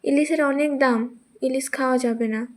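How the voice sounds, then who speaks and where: A woman's voice: high-pitched, steady tone, moderate pace, a little mellow, close to an everyday voice. A woman voicing a stingy, quarrelsome old grandmother who snaps and scolds at everyone in a cartoon story. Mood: scolding. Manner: scolding, snappish.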